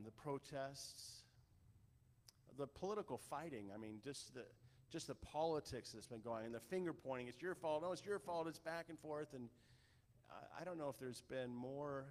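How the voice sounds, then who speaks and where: Rambling preacher in an echoing hall. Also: male voice, medium pitch. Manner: rambling, halting, with many restarts. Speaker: pastor. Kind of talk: conversational sermon. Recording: long reverb of a large room.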